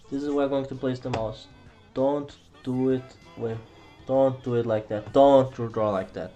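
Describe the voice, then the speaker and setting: Recorded on a computer mic in a small room at home with soft music behind him, a young man with a German accent walks through a drawing lesson as an art tutorial host. His voice is an ordinary mid pitch with a warm tone, and he rambles casually, fixes his mistakes often and throws in mild curses.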